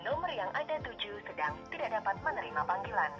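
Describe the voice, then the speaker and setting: A woman's recorded voice giving a formal answering machine message over the phone, even and precise. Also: medium pitch, fast, lo-fi sound, music in the background. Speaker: automated phone operator message. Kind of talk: formal prompt read-out.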